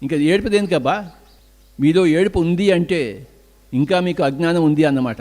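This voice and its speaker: Older man, Telugu accent, meditation teacher, emphatic repetitive preaching, fairly high voice. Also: moderate pace, a little mellow. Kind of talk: spiritual discourse.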